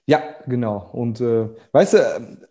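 Man, podcast guest, mellow voice, chatty storytelling, lots of fillers. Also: mid-range voice, a little slow. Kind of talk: casual storytelling in a podcast conversation.

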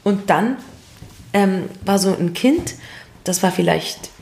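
A woman, chatting casually and telling lively anecdotes, acting out the people in them. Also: medium pitch, slow pace, vocal fry. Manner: lively, animated, acts out quoted people in anecdotes. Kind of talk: casual chat, storytelling.

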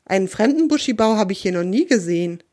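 A woman's voice: medium pitch, lively intonation, fast, a little mellow, close to an everyday voice. A woman voicing a curious, easygoing male creature from an island in a children's storybook.

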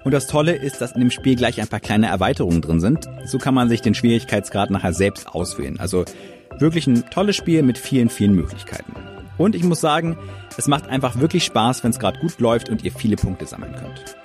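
Lively male campus radio host. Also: medium pitch, brisk, faint music behind. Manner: upbeat, lively presenting. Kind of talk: radio moderation.

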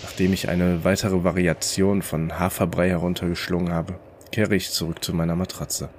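Male narrator, very low voice, calm first-person storytelling, faint hiss. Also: normal speed.

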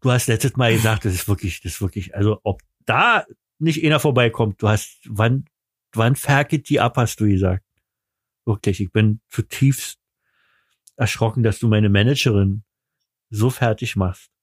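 A man with a German accent hosting a podcast in casual, teasing, excitable banter. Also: fairly low pitch, normal speed, breathy edge. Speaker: podcast host.

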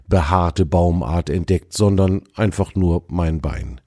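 A man voicing a kindly old wise male moose in a storybook reading, speaking in a friendly, calm way. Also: low voice, takes it slowly, dry recording, clean studio sound, heavily acted.

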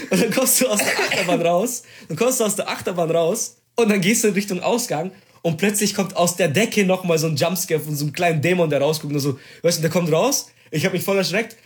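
A young man in casual chat, telling a story with excitement, slang and swearing. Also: sits high, brisk.

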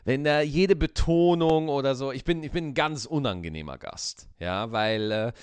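A man ranting casually to his listeners, swearing and tagging his sentences with quick asides. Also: mid-range voice, smooth. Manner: crude, swearing, animated ranting with many "ne?" and "ja?" tags. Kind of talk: casual comedic rant.

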